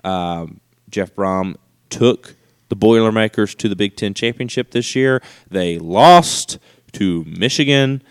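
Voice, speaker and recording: Low-voiced man reading sports news. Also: slow, clear, resonant tone, no echo, studio quality. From West Virginia fan. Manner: reads news items with fillers and restarts. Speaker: podcast co-host. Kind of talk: casual sports chat.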